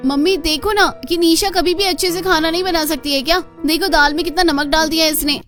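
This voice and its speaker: Sneering spoiled cartoon cousin. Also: female voice, very high voice, steady tone, brisk, fairly bright tone, faint music behind. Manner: sneering, complaining. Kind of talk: cartoon voice acting.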